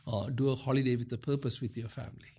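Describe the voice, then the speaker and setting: A man giving conversational advice as a podcast guest and coach, explaining in halting phrases. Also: mid-range voice, fairly even intonation, dark tone, husky.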